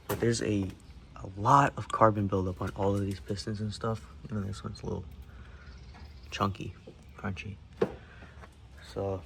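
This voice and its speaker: A man's voice: deep voice, creaky, background noise. A young man narrating a casual car-build vlog in his home garage, laid-back and swearing freely, recorded on a camera mic.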